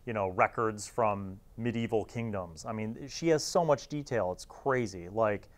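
A man in his forties hosts a tabletop gaming review series, casually commenting on a magazine in a lowish, unhurried voice. He talks conversationally into a lapel mic, tossing in emphatic asides.

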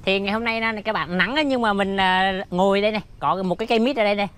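A man's voice: high voice, rapid-fire, fairly bright tone, clean tone. A young man in a casual vlog, chatting to his viewers from a small tent on a rooftop with lots of fillers. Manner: chatty, keeps addressing viewers, many fillers. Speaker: vlogger.

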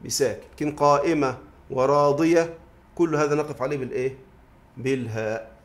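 A man's voice: mid-range voice, steady tone, a little fast. A man teaching a grammar lesson in a mosque study circle, often asking the class a question and then answering it himself. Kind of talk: classroom lesson explaining verse.

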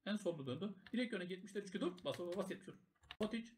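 A man calling the shots in gaming voice chat, barking rapid repeated commands and swearing freely. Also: sits high, animated, a loud crowd. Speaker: clan war shot caller.

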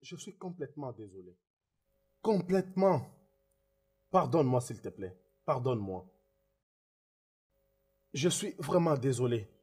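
A man's voice: medium pitch, expressive, a little slow, long pauses, warm tone, breathy edge. A man dubbing a remorseful man who begs forgiveness, repeating his apologies and swearing oaths, in a French film dub. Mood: pleading.

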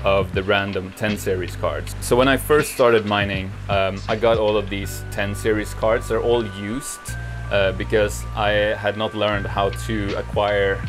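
A man's voice: lowish voice, a little slow, music in the background. A young man in his twenties casually talking through his home workshop setup, rambling with lots of filler words. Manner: relaxed, rambling, frequent "like" fillers. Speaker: YouTuber giving a mining farm tour. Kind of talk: casual vlog walkthrough. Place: cluttered home workshop, indoors. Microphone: camera held at arm's length.

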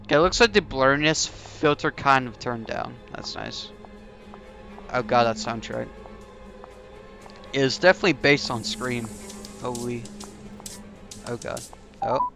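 Young man, gravelly, lively game commentary. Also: mid-range voice, measured pace, long pauses. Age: young adult. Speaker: gaming YouTuber. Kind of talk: casual let's play commentary. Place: indoors, seated at a gaming setup. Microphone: headset. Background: faint game music.

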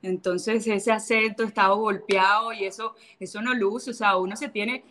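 A woman from Cartagena speaks in a medium-pitched, steady voice with a sharp edge and a Colombian Caribbean coast accent, with slight noise in the background. She's a guest in a casual interview, answering bluntly and sassily and quick to mimic others.

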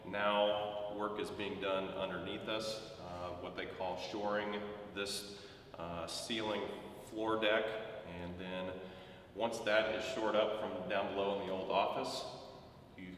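A low, level-voiced man in his thirties explains building work slowly, with lots of "uh"s. He sounds far from the camera mic in a stripped, echoing room. A steady hum of background noise runs under him. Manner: explanatory, steady, frequent fillers, gestures while talking. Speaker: school administrator. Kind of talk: on-site walkthrough explanation. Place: large empty classroom under construction, indoors. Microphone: camera mic from a distance.

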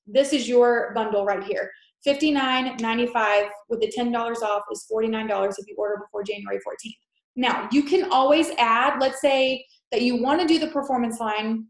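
Brisk and fairly high-pitched, a young woman whose nose is stuffed up with a head cold gives a casual sales presentation for a fitness webinar. Her delivery is chatty, filler-heavy and reassuring. The video call picks her up on a laptop mic in an echoey room.

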